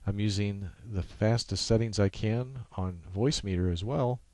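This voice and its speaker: In an informal screencast tutorial, a man with a very low, mellow voice walks through each step in a halting, practical manner. The recording is dry and close-miked, with hardly any room sound.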